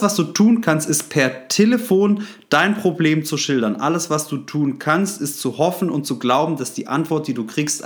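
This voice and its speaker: German man coaching his listeners. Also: fairly high pitch. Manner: speaks directly to the listener, many fillers and restarts. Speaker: podcast host. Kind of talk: solo podcast monologue, coaching advice.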